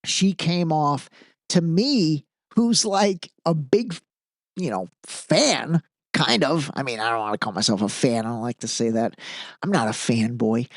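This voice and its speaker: On a dry, studio-quality recording, a podcast host with a somewhat high voice gives laid-back but opinionated commentary. He is animated and keeps a measured pace, speaking informally and with emphasis, often repeating phrases to stress them.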